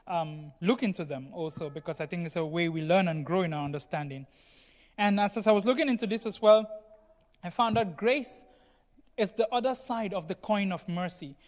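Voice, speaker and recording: Speaking in a darkish voice on the high side, this Cameroonian preacher explains his sermon conversationally. He keeps turning to the congregation with "you know" and "right?" to check in. The sound carries a long reverb, like a large hall.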